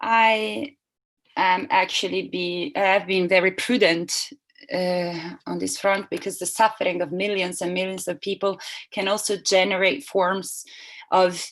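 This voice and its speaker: A woman with a slightly low voice interprets a seminar talk as it happens. She speaks in a halting way, often breaking off and correcting herself as she searches for the next words. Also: level tone, a bit bright, rough recording. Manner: halting, with frequent restarts and self-corrections. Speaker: simultaneous interpreter.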